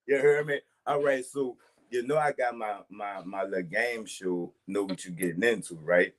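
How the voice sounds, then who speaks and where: A man's voice: lowish voice, measured pace. A man with a New Orleans accent hosting a podcast, joking and laughing often in casual chat. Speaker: podcast host.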